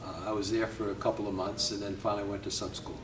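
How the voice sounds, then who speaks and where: An older man from Connecticut, a Navy veteran, reminisces in an easygoing interview, often chuckling and pausing with hesitations. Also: on the low side, little pitch movement, crowd noise. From Connecticut, USA. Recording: roomy, distant from mic, faint ambience.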